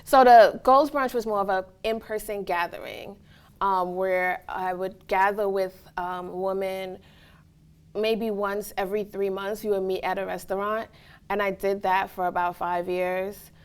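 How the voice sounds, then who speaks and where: A woman's voice: mid-range voice, level tone, measured pace, clean tone. A woman from Trinidad and Tobago giving reflective, earnest answers in a casual interview, often checking in with "right?". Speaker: interviewee, college staff.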